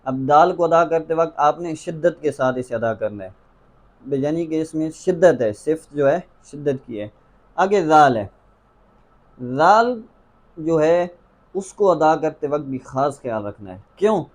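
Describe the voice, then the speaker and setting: A man with a Pakistani Urdu accent teaching a tajweed lesson, drilling letter sounds slowly and repeating each one for the viewer. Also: on the high side, lively intonation. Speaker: Quran recitation teacher.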